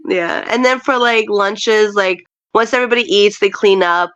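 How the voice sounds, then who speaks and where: A woman's voice: mid-range voice, normal speed, fairly bright tone, clear, resonant tone, no room sound. A woman from Chile, a stepmother of a big household, chatting casually, laughing and rambling as she tells stories. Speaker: guest, stepmother of a large household. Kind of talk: casual chat.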